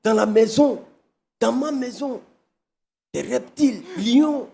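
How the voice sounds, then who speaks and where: Male pastor, shaken, halting testimony, stumbling over words. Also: extremely high pitch, creaky, dark tone. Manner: halting, distressed, voice breaking. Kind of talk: emotional personal testimony.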